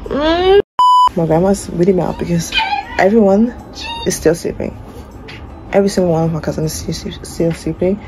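A woman's voice: fairly low pitch, expressive, moderate pace, background noise. A young woman chatting casually to her phone camera in a vlog, tired with a groggy morning voice, swearing lightly and poking fun at herself. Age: young adult. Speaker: vlogger. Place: bedroom at home, indoors. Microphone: phone held at arm's length.

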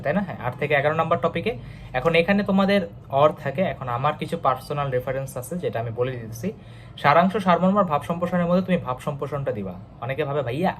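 A man's voice: on the high side, fairly bright tone, a little hiss or hum. A young man with a Bangladeshi Bengali accent giving a casual exam-prep lesson, talking like a big brother and often checking "okay?" with his students. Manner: chatty, big-brother tone, calls himself bhaiya; fast, frequent "okay?" check-ins. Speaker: online tutor.

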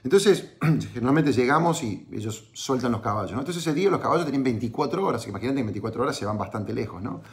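A man's voice: mid-range voice, lively intonation, quick pace, few pauses. A man with an Argentine accent telling a personal story as motivational advice, chatty, often checking in with tag questions and restarting phrases. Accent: Argentine Spanish. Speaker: entrepreneurship podcaster.

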